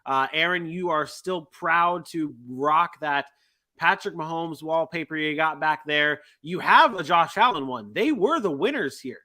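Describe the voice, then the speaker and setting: A man's voice: on the high side, unhurried, sharp tone. A man hosting a sports podcast, recapping games in casual chat and joking with his co-hosts. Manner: joking, tries to keep order. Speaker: podcast host.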